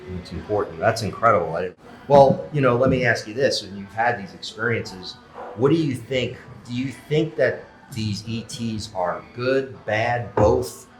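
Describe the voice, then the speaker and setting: A man's voice: fairly low pitch, normal speed, reverberant, low-quality recording. A man interviewing a guest, feeling his way through his questions and rephrasing them as he goes. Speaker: interviewer, podcast host. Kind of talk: conversational interview.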